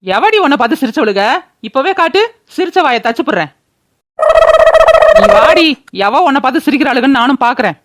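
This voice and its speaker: A woman voicing a sharp-tongued, quarrelsome older village mother in a cartoon, scolding loudly. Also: high-pitched, expressive, brisk, long pauses, heavy background noise. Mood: angry. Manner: scolding, loud and bossy. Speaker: voice actor. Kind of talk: cartoon voice acting.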